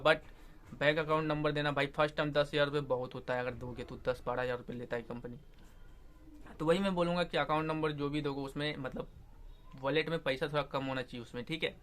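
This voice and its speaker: A man's voice: a little high, fairly even intonation, quick pace, a bit bright. A young man, an AC technician, giving casual advice to his viewers in a chatty way, often checking in with them. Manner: chatty, repeats "theek hai doston" and "aisa hai". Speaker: AC technician vlogger.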